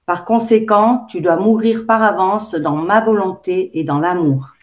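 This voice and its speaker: A woman reads a spiritual passage aloud for a prayer group. Her reading is calm and measured. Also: mid-range voice.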